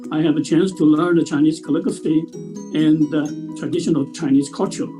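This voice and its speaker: A man's voice: a little high, steady tone, a little fast, over music, rough recording. A man in his sixties from Taiwan, talking casually with frequent fillers and restarts. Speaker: presenter at a talent show. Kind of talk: casual talk.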